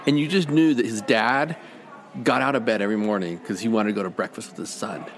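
A man's voice: fairly low pitch, quick pace, crowd noise. A middle-aged man who owns a diner, chatting casually on a podcast and telling rambling, enthusiastic stories. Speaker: diner owner. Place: diner dining room.

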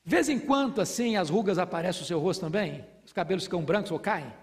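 A man's voice: high-pitched, animated, fast. A man preaching an expository sermon, teaching with rhetorical questions and building to fervent proclamation.

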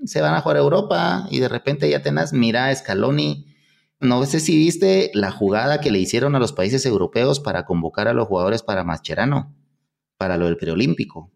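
A man's voice: medium pitch, animated, normal speed, creaky. A man with a Guatemalan accent co-hosting a podcast, chatting casually and with firm opinions about football. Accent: Guatemalan Spanish. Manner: opinionated, reasons aloud. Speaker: podcast co-host.

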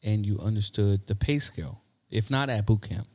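A man's voice: lowish voice, a little mellow, muffled recording. Man asking probing questions in casual chat. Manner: probing, quick to interject. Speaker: podcast host, Navy chief.

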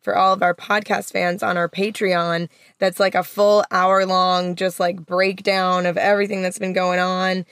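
A woman's voice: fairly low pitch, flat delivery, normal speed, hardly any pauses, a bit bright, clear, resonant tone, no echo, clean studio sound. A woman co-hosting a podcast in casual, conversational chat, recorded inside a parked van. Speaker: podcast co-host.

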